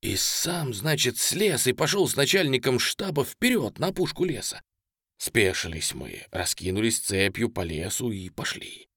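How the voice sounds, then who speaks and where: A man narrating a novel in the first person with animated, expressive storytelling. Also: on the low side, no echo, studio quality. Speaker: audiobook narrator.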